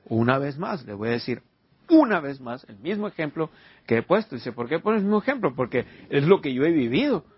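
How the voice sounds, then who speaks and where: Husky-voiced man preaching conversationally. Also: mid-range voice, very animated, moderate pace, dry recording, lo-fi sound. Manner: conversational storytelling with rhetorical questions. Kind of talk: informal sermon.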